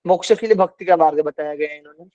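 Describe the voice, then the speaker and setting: A man's voice: fairly high pitch, racing, warm tone, no echo, dull audio. A male teacher giving an online philosophy class, explaining patiently and repeating key points.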